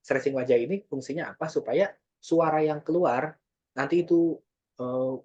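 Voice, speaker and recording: A man giving a casual online workshop talk, relaxed and chatty, often acting out example lines for his audience. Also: fairly high pitch, normal speed, muffled recording. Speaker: workshop speaker.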